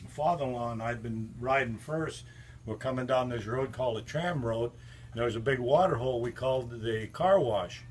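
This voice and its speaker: Older guy spinning folksy yarns about his buddy, easygoing, lots of uh's, middle pitch. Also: moderate pace, a little hiss or hum. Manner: folksy, rambling anecdotes with fillers. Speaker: friend giving a book endorsement. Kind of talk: casual storytelling.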